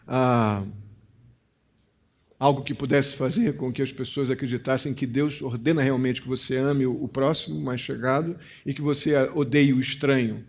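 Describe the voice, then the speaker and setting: This man, a pastor with a Brazilian Portuguese accent, delivers a sermon at normal speed in a medium-pitched, steady voice. He emphasizes key phrases, then lowers to a quiet, confiding tone.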